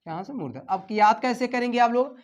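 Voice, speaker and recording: A woman runs an exam-prep Hindi lesson, asking "what?" and echoing each answer back as a drill. Her voice sits on the high side and moves quickly and expressively, dropping quietly at the ends of phrases.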